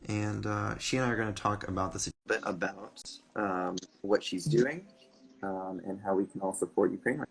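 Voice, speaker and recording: A man with a lowish, creaky voice hosts a live online interview at a moderate pace, and the recording is rough. He asks his questions hesitantly, with many ums and restarts.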